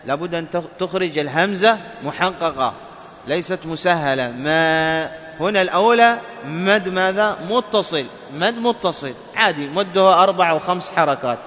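A man teaching Quran recitation rules. He keeps checking "clear?" with his students and chants example words slowly. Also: a little high, animated, fairly bright tone, slight background noise. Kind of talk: tajweed lesson. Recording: dull recording with long hall reverb and faint ambience.

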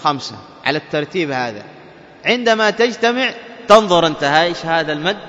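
A man's voice: on the high side, lively intonation, fast talker, fairly bright tone. A man teaching a lesson, asking his class questions, answering them himself and chanting example words. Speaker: Quran recitation teacher. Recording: muffled, reverberant hall.

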